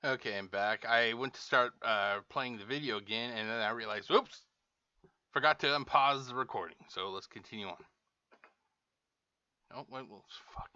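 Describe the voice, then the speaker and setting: A man's voice: medium pitch, normal speed, sharp tone, clean tone, dry recording, highs cut off. A man hosting a reaction video, ranting in exasperation and swearing constantly as he mocks what he hears. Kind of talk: profane ranting reaction commentary.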